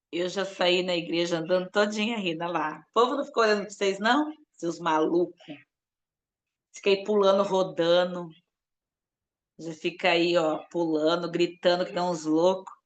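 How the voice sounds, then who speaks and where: A woman teaching a live online church class on prayer, recorded at home on a webcam or phone. She talks in an animated, playful way and speaks to viewers in the chat by name, at a middle pitch. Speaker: prophetic intercession teacher.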